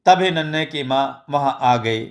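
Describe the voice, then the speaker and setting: A man narrating a moral story in a slow, even storytelling manner. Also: medium pitch.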